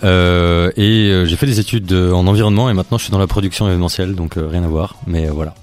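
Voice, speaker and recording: Deep-voiced hesitant man. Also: fairly even intonation, quick pace, a little mellow. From Brussels. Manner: hesitant, laid-back. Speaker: radio guest. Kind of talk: casual radio interview.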